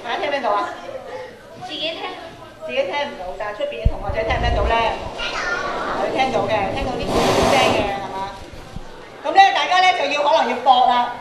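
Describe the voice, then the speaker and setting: A middle-aged woman with a Hong Kong Cantonese accent runs an interactive radio drama workshop for students, speaking fast and expressively at a fairly high pitch with frequent pauses. She teaches by prompting them with questions and tag particles, on and in front of the stage of a large indoor auditorium. Her handheld mic feeds a PA, giving a roomy sound over a very noisy crowd.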